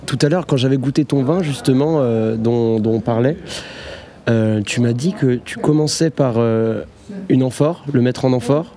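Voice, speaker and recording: A man's voice: medium pitch, moderate pace, dark tone. A man interviewing a winemaker on the radio, asking curious questions with frequent fillers.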